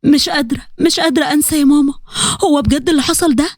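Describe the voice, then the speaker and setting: A woman's voice: sits high, very fast, a little mellow, dry recording, clean studio sound, lightly acted. A woman voicing a remorseful teenage girl with an Egyptian accent, tearful and pleading. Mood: grieving. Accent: Egyptian Arabic.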